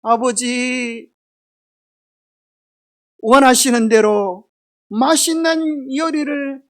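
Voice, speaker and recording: A woman voicing a sly younger son who speaks slowly in overly formal politeness. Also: sits high. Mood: fawning.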